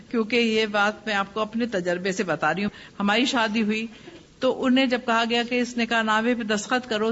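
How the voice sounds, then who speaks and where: A woman religious teacher giving a lecture and answering questions, advising gently through personal stories. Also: a little high. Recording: muffled lo-fi with faint hiss.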